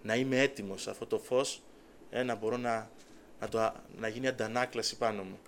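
A man's voice: fairly low pitch, steady tone, vocal fry, a little hiss or hum. A man giving a sermon testimony, telling his story earnestly with quoted dialogue. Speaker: preacher.

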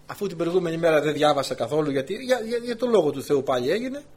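A man preaching a sermon to his congregation, telling a lively personal story as he goes. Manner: animated storytelling, voice climbing high when excited. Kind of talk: sermon with anecdote.

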